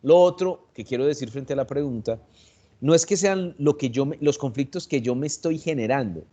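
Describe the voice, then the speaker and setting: A man with a Colombian accent, a psychologist explaining anxiety in a reflective, measured way, pausing and restarting as he thinks. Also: medium pitch, dark tone, lo-fi sound. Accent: Colombian Spanish. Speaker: psychologist guest. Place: online video session.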